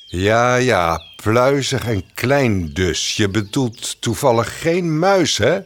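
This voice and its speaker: A man's voice: mid-range voice, very animated, takes it slowly. A man doing a big angry brown bear. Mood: slow. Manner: growling, gruff.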